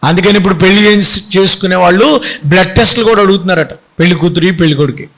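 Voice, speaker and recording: A middle-aged man preaches a Sunday sermon as a bishop, his voice sitting high for a man. He talks in an animated way, often throwing rhetorical questions out to the congregation. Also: fast talker, low-quality recording.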